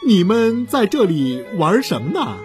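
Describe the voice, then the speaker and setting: A woman's voice: mid-range voice, sing-song, measured pace, darkish tone, soft background music. A woman voicing a kind, brave giraffe in a children's story, earnest and friendly. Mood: curious.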